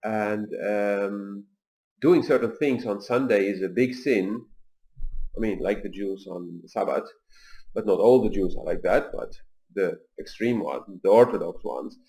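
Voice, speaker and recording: A man in his forties, raised in Tunisia, hosting a video and telling personal stories in a calm, measured way with pauses and fillers. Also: fairly low pitch. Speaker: video host. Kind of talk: personal reflective talk.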